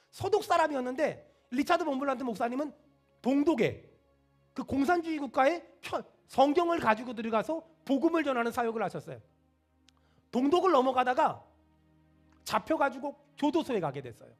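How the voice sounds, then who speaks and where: A male pastor preaching a sermon, leading the congregation to repeat after him. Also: extremely high pitch. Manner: animated preaching with call-and-response.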